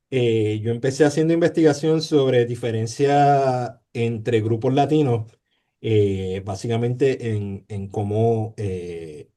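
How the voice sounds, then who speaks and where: A man from Puerto Rico with a medium-pitched, dark voice and a Puerto Rican Spanish accent is interviewed conversationally as a sociologist guest. His speech is hesitant, packed with fillers, repeated words and tag questions.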